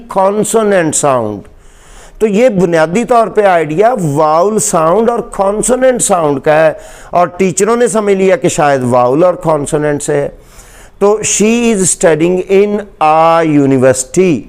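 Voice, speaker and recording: A man whose voice sits high with a darkish tone teaches English grammar in a lecture. He has a Pakistani Urdu accent and patiently repeats examples while posing rhetorical questions.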